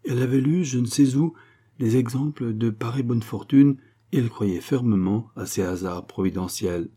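A man narrating a classic novel as an audiobook, reading in a measured, even way. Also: medium pitch, breathy edge. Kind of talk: scripted literary narration.

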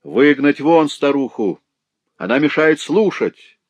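A man voicing a cruel, mocking lame street boy who shouts shrill taunts in an audiobook. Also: expressive, takes it slowly, dry recording. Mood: jeering.

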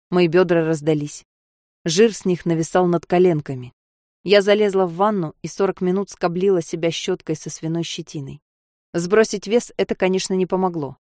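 A woman narrating a novel in the first person with a steady, measured reading. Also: on the low side, no room sound, clean studio sound. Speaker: audiobook narrator.

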